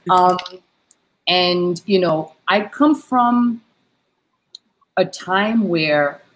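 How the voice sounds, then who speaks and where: A woman's voice: on the low side, extremely slow, slight background noise, poor audio. A woman from a Haitian family in New York, speaking earnestly on a video call with many fillers. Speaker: panelist, dancer. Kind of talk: casual panel chat on video call. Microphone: laptop mic on video call.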